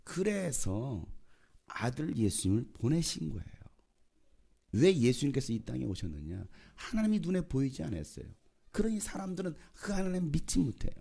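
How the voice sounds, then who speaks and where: Male pastor, lively sermon voice that keeps quizzing the congregation and echoing their replies. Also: medium pitch, moderate pace, vocal fry, husky. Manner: asks the congregation questions and repeats their answers.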